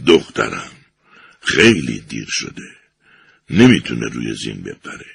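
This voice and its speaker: Man doing a deep, mournful old chief. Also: huge pitch swings, vocal fry, a bit bright, slightly rough, exaggerated voice. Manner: slow and mournful.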